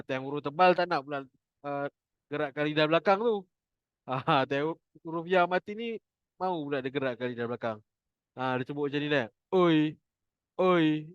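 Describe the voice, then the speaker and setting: A man with a Malaysian Malay accent teaching Quran reading, slowly repeating each syllable for his students to copy and often starting lines with "ha". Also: a little high, a bit bright, smooth, no echo, dull audio. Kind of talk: online Quran reading class.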